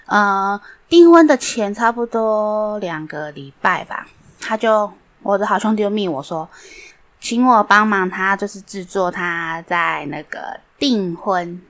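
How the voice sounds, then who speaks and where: A woman hosts her own podcast and speaks. She tells a personal story at an ordinary middle pitch. Her talk is loose and chatty, with many fillers and side remarks. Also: pushed and bright. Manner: chatty, lots of fillers and asides. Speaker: podcast host. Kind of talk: casual storytelling monologue.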